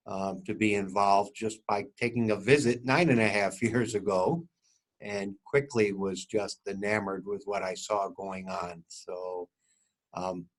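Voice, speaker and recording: A middle-aged man who runs a community center, speaking casually in an interview with many ums and restarts. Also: fairly low pitch. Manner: halting, many fillers and restarts. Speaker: community center board member. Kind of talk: casual video-call interview.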